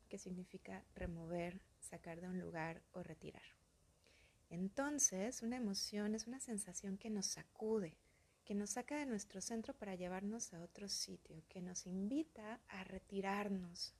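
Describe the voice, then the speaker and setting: Soft-spoken woman with a husky, mellow voice. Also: medium pitch. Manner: soft, slow, often breathy and whispery. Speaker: podcast host. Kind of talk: calm reflective podcast monologue.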